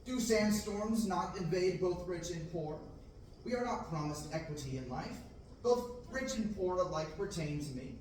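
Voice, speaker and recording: At an amateur Shakespearean table reading in a large classroom, a man reads a restless young farm boy dreaming of adventure, his declamatory verse full of yearning. His high voice has lively intonation, a moderate pace and a slightly mellow quality. A far room camera picks him up distantly in the echoey space, with a little hiss or hum.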